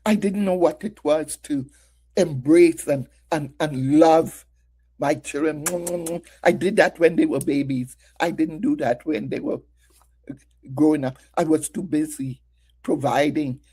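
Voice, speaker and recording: Middle-aged woman preacher, warm, mellow tone, slow and deliberate, testimony-driven sermon. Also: low-pitched, husky. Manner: preaching with many rhetorical questions, testimonial. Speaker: women's ministry speaker. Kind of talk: Mother's Day sermon.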